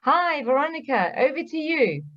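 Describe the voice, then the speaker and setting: Brisk woman hosting over muffled audio. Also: high voice, big pitch swings, a bit bright. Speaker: contest host. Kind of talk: hosting an online contest.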